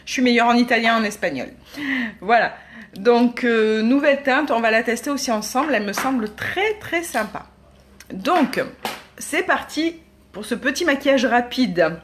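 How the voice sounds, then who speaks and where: A woman's voice: on the high side, lively intonation, moderate pace, slight background noise. A woman, chatting casually as a beauty vlogger demonstrating makeup, with many hesitations. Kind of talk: casual product demo.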